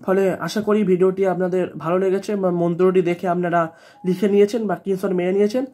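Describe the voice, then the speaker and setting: A man with a notably high voice talks through devotional advice in an earnest, reassuring way. He circles back and repeats key points, restarting phrases as he goes. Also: flat delivery, fast, dark tone. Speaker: spiritual channel host.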